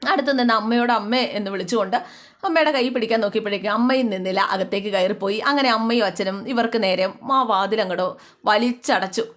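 A woman's voice: mid-range voice, fast, a bit bright. A woman casually retelling a family story in a chatty way, speaking directly to her listeners. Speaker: storyteller recapping a serial.

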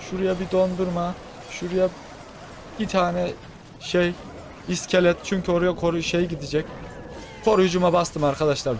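A young man giving fast, excitable gameplay commentary, talking to his viewers like friends. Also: high-pitched, slight background noise. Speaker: gaming channel host.

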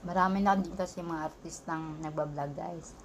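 A woman's voice: deep voice, steady tone, moderate pace, slight background noise. Woman chatting while chewing her food. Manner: chatty, keeps addressing viewers as guys. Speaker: vlogger. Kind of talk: casual mukbang vlog chat.

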